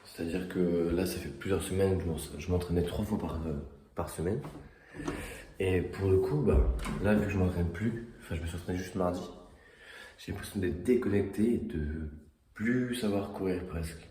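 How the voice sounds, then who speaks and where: A man's voice: deep voice, moderate pace, warm tone. A man sharing his impressions informally and reflectively in a casual video diary. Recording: echoey room, faint noise.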